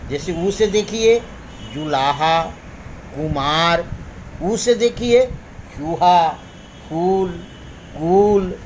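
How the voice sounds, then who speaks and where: A man teaching a grammar lesson, explaining slowly and deliberately and drawing out each example sound. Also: high-pitched, a little hiss or hum. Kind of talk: classroom lesson.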